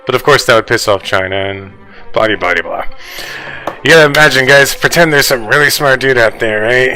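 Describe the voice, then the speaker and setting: A man rants through his news commentary, swearing constantly as he speaks straight to his viewers. His voice is bright and sharp, and his delivery is fast and fired up. Faint music plays quietly behind him. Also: medium pitch, poor audio. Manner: profane, ranting, heavy swearing. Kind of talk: casual reaction commentary on news articles.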